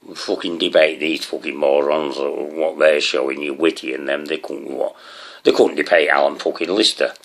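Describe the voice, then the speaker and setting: A man's voice: extremely low pitch, vocal fry, a bit bright. A man rambling to his viewers in a swearing, ranting monologue, often asking them questions. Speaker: vlogger.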